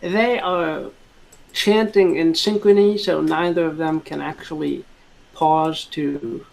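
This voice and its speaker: A game master narrating a tabletop game in a halting way, with many fillers and restarts. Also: medium pitch, fairly even intonation, gravelly, darkish tone, low-quality recording.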